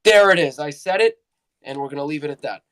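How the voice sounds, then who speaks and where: A man's voice: fairly high pitch, fast talker, fairly bright tone. An upbeat, teasing man co-hosting a casual live audio chat. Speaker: co-host for the company.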